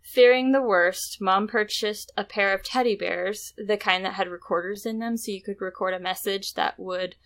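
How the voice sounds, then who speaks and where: A woman co-hosting a podcast, reading a story aloud in a steady storytelling way between casual chat. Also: mid-range voice, normal speed, few pauses. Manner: steady storytelling read with light laughs. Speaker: podcast co-host.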